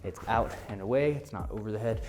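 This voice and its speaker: A man's voice: on the low side, quick pace, a little mellow. A man teaching a martial arts class as instructor, giving short, clipped counts and commands and explanations of drills. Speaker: taekwondo instructor.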